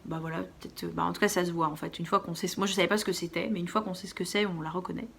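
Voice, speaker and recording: A woman's voice: on the low side, steady tone, rapid-fire, gravelly, fairly bright tone, slight background noise. A young woman hosting a knitting podcast, chatting casually with lots of fillers and restarts. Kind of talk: casual chat. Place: dark room at home.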